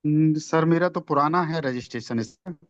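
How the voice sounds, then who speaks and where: A man on an online group call, his audio choppy and breaking up, talking haltingly and repeating hello as he asks a question. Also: on the high side, dry recording. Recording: dull, dry online call line.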